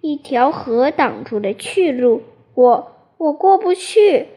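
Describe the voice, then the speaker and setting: A woman's voice: high voice, animated, unhurried, darkish tone. A woman voicing an eager, timid young colt, childlike and hesitant. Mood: embarrassed.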